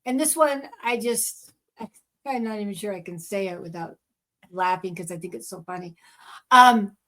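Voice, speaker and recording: A woman's voice: medium pitch, normal speed, a bit bright. A woman co-hosting a podcast, casually and emphatically talking through her views on a scripture reading. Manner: opinionated, emphatic, talks through her reasoning. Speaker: podcast co-host.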